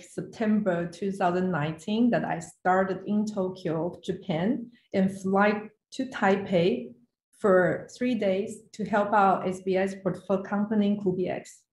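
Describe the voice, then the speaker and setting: A woman with a mid-range, slightly mellow voice delivers a prepared presentation online, her words echoing around her. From Taiwan, she is a finance executive speaking as a guest. The setting is an indoor room on a video call, captured as roomy, echo-laden call audio.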